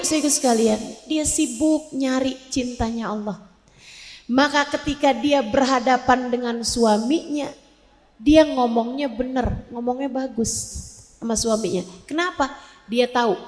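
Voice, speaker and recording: A woman's voice: a little high, echoey room, long reverb tail. An Indonesian woman in her forties preaching a sermon to a women's gathering, emphatic, repeating her lines and asking the crowd to agree. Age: 40s.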